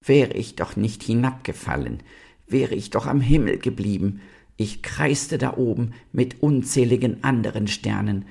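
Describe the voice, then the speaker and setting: A man's voice: medium pitch, animated, a little slow, darkish tone, slightly rough, pitched above the performer's own voice. A man reading a storybook aloud and voicing a sorrowful fallen star that laments in a plaintive, wailing voice. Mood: lamenting.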